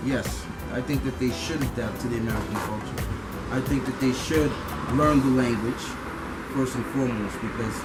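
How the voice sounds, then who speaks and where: A man's voice: mid-range voice, rough recording. A middle-aged man from Liberia, answering interview questions in an earnest, opinionated way, with many fillers and restarts. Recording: loud music behind.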